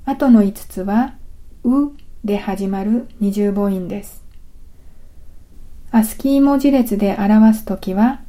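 A woman giving a scripted language lesson, patient and careful, pausing for drills. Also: mid-range voice, mellow. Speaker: language teacher.

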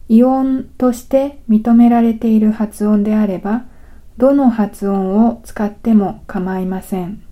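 Slow, dark-voiced woman language teacher. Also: mid-range voice. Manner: slow, careful, deliberate explanation. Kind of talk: scripted lesson narration.

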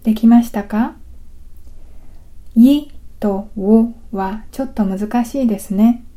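A woman reads a language lesson at an unhurried pace, leaving room for the listener to repeat. Her voice is dark and mellow yet sits slightly high. She sounds careful and patient throughout. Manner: slow, careful, patient delivery with drills. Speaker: language teacher.

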